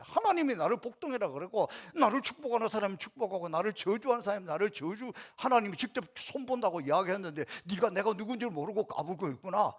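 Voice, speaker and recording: A man's voice: high-pitched, slightly rough. A middle-aged male pastor preaching a sermon in a church, talking to the congregation directly and acting out quoted retorts. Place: church sanctuary.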